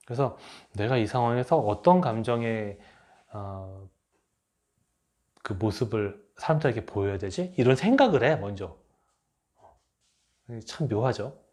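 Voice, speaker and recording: A middle-aged man giving a lecture, talking lively and acting out the remarks he quotes. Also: mid-range voice. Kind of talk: enneagram lecture.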